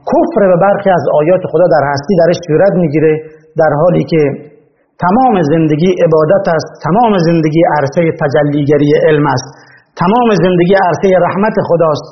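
Guy preaching a religious lecture, high voice, fired up, kinda dull lo-fi audio w faint hiss. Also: animated. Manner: impassioned, rising in pitch when stressing points. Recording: dull lo-fi recording with faint noise.

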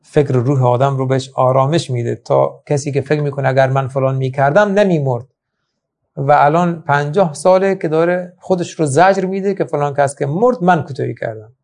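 In a slightly high, darkish voice, this man, a religious teacher, delivers a Quran lesson emphatically and asks many rhetorical questions.

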